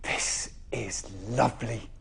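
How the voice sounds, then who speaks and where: A man's voice: medium pitch, fairly even intonation, slow pace, gravelly, husky, heavily acted. A man voicing a dramatic woman witch in a children's storybook, with theatrical delivery. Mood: contented.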